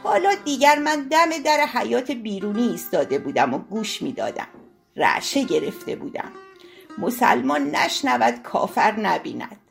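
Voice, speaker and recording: A woman's voice: fairly high pitch, very animated, vocal fry, soft background music, exaggerated voice. Woman voicing a gossipy aristocratic lady. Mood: dramatic. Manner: dramatic, breathless storytelling. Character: gossipy aristocratic older lady recounting a scandal.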